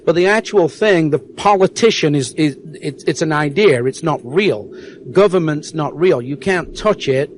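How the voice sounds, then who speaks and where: A man's voice: on the high side, normal speed, a little hiss or hum. Earnest man with a hard-to-place English accent. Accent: hard-to-place English accent with some American. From England (South Yorkshire). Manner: earnest, repeats words when searching for them. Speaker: guest. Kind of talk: earnest internet radio interview.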